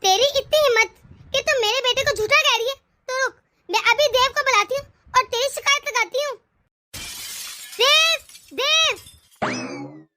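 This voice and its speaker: A woman's voice: extremely high pitch, fairly quick, sharp tone. A woman voicing a scheming, bossy sister-in-law in a cartoon, taunting and sly. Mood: indignant. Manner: taunting, sly, self-pitying. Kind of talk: cartoon voice acting.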